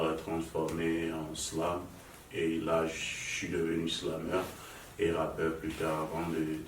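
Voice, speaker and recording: A man with an extremely deep voice that stays almost flat. He answers in halting phrases, picked up from a distance in an echoey room with a faint hiss behind him. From Nigerian father, raised in Lomé, Togo. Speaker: guest musician. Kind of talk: interview answers. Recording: echoey room, mic far off, faint noise.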